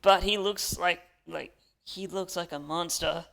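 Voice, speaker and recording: A man's voice: sits high, steady tone, measured pace, gravelly, a bit bright. A man co-hosting a podcast, chatting eagerly and stumbling over the starts of words. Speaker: podcast co-host. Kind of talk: casual chat about wrestling.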